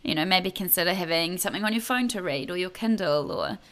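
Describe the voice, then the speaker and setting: Bright-voiced chatty woman. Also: on the low side, quick pace. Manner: chatty, many restarts, laughs lightly. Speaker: podcast co-host. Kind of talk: casual advice chat.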